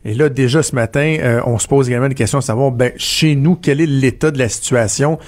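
A man's voice: medium pitch, fairly quick, darkish tone. A man with a Quebec French accent, hosting a radio interview in a conversational way, chiming in and asking follow-up questions. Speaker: radio host.

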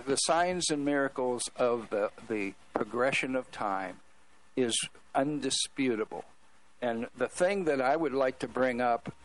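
Deliberate man expounding as a radio guest. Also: medium pitch, rough recording. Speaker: radio talk show guest. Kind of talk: earnest religious exposition.

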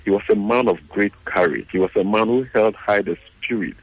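A man with a Ghanaian accent and a husky voice, giving measured, earnest commentary as a guest journalist in a radio interview. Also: fairly low pitch, dry recording, low-quality recording.

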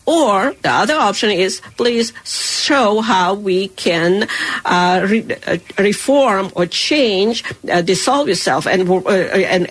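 A woman giving a live interpreter voice for a speech, pausing and restarting with fillers as she keeps up. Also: medium pitch, low-quality recording.

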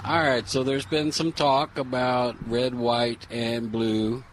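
A man joining a live gardening radio show, chatting in a playful, deadpan way. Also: mid-range voice, slow pace, poor audio. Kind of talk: casual radio chat. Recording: faint outdoor traffic noise.

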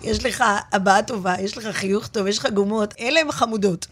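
A woman comedian chatting as a guest in a radio studio, telling stories in an animated, expressive way. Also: mid-range voice, husky. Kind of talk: casual interview chat.

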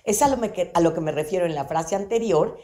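A woman, talking about psychology on the radio in an animated, playful way with many examples. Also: on the low side, quick pace. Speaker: psychology guest on radio show. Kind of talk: conversational radio talk. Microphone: studio microphone.

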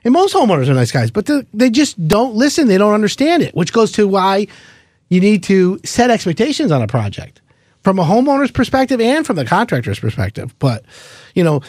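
Man, high lively voice, dry close sound, animated anecdotes, casual cursing. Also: no room sound. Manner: animated, acts out quoted people; swears casually. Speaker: renovation consultant. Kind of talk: casual podcast storytelling.

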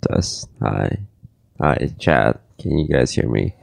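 A hungover man hosting a live podcast from a convention, laid-back and halting with fillers. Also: very deep voice, animated, creaky, no echo. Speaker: podcast host. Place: at a gaming convention.

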